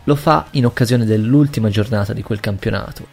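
A man narrating a scripted sports history podcast in measured, written-out sentences. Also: fairly low pitch, gravelly, a little mellow, slightly rough. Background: faint music.

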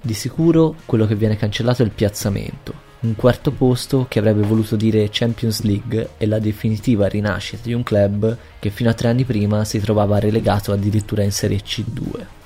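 A man narrating a scripted sports history podcast in measured, written-out sentences. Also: fairly low pitch, steady tone, mellow, husky. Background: faint music.

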